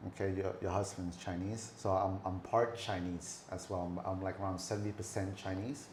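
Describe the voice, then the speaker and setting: A woman's voice: rumbling low, steady tone, brisk, darkish tone. New York-accented woman podcast host, casual, faint noise behind. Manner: loose and talkative, repeats words. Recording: echoey room with faint background noise.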